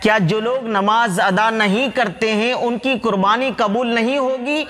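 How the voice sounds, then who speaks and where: A man with a very high, bright voice gives a religious commentary. He argues his case through one rhetorical question after another and keeps turning to his viewers as friends. His voice rings with a long hall reverb. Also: unhurried. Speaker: channel host.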